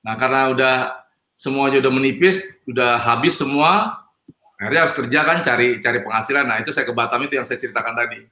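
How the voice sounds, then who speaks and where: Man, emphatic rambling testimony, bright voice, echoey room. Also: mid-range voice, fast. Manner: rambling, emphatic, frequent fillers. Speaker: guest. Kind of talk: personal testimony storytelling.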